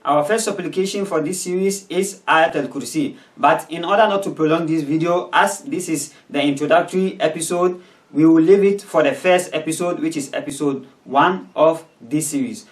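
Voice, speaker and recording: Man teaching slowly in an echoey room. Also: on the high side. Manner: slow, deliberate repetition of words for pronunciation. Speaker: Islamic supplication teacher. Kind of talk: instructional lesson with pronunciation drills.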